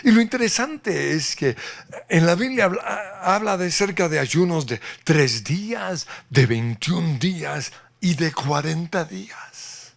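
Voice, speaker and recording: Slow gravelly preacher, dropping to whispers. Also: male voice, a little high, expressive. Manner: slow, emphatic preaching with dramatic drops to a whisper. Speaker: pastor. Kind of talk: sermon. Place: church.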